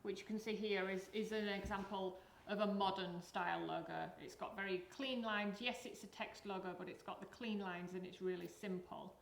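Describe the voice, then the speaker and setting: A woman co-hosts a casual business talk, explaining things briskly between short interjections. Her voice carries a roomy echo with a faint hum of noise beneath it. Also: medium pitch, fairly even intonation, vocal fry. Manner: brisk, chiming in with short remarks. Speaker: co-host.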